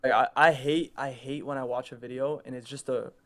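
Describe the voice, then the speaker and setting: A man's voice: mid-range voice, fairly even intonation, fairly quick, a bit bright. A young man in an easygoing chat with a mid-range voice. He speaks bluntly and with emphasis, often repeating a phrase to drive it home. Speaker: content creator. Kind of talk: casual chat.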